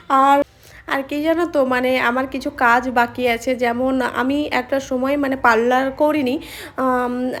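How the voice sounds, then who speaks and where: A young woman, a makeup artist, chatting casually while doing her makeup, talking fast with many pauses and fillers. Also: fairly high pitch. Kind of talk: casual talk during a makeup tutorial. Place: home room with an open window. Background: street noise through the window.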